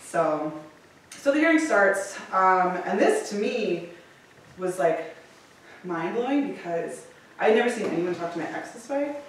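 A woman's voice: mid-range voice, sing-song, unhurried, far from the mic, a little hiss or hum. Candid swearing woman in an echoey room. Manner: candid, swears freely, laughs often. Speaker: storyteller. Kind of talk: personal story told to a live audience.

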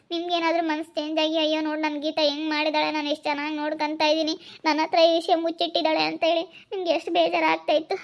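Woman playing a weepy young wife, high and pleading. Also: close to an everyday voice. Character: tearful young wife accused of wrongdoing. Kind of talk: village family drama acting. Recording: dull lo-fi recording.

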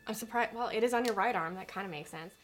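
A woman's voice: mid-range voice, fast talker, fairly bright tone. A young woman hosting a casual horror-comedy chat with a sassy, teasing manner. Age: young adult. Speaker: host. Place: indoor horror-themed studio set. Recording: faint music behind the voice.

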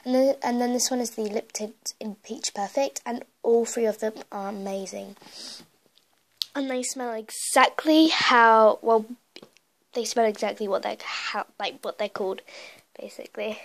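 Showing off her makeup collection indoors in her bedroom, this young woman is croaky and hoarse with a cold. She speaks a little slowly in a highish voice, rambling chattily and filling gaps with plenty of fillers. It's a handheld phone-camera recording by a beauty vlogger.

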